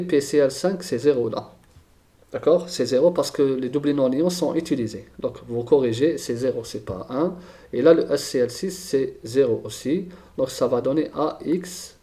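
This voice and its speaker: A man's voice: medium pitch, warm tone. A man teaching a chemistry lesson, thinking aloud and repeating key terms, often checking with "d'accord?".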